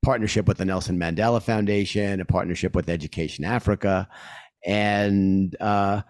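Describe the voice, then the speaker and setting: A male interviewer speaks in a fairly low voice with a Queens, New York accent. He talks conversationally, as the host of an interview. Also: steady tone, moderate pace, a little mellow. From New York City.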